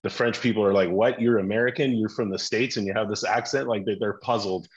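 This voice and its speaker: As a podcast guest, a middle-aged Iranian orthopedic surgeon tells his story in a measured way, often restarting. His lowish, slightly rough voice stays fairly even in intonation, and the recording sounds muffled.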